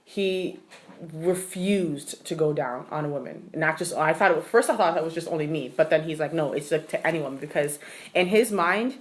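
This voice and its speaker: A woman speaking candidly on a casual podcast, blunt and unfiltered, with plenty of "like" in her speech. Her voice sits on the lower side for a woman. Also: moderate pace.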